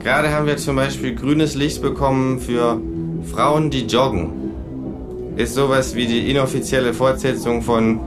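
A smug, know-it-all kangaroo, as a man puts it on in a comic audiobook reading, holds forth in a dry, deadpan, lecturing tone. The voice sits at an ordinary middle pitch. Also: normal speed, loud music behind the voice, lightly acted.

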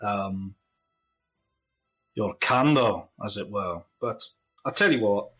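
A man's voice: fairly low pitch, animated, slow, a bit bright, breathy edge, soft background music, voice pushed down, exaggerated voice, poor audio. A man voicing a dry, unimpressed tavern owner interviewing a job applicant. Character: gruff older male tavern owner interviewing staff.

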